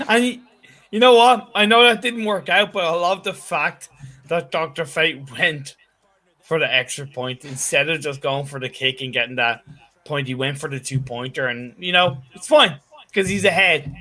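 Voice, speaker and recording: Bright-voiced man giving color commentary. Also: fairly high pitch, normal speed. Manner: chatty, animated analysis with jokes. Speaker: esports co-commentator.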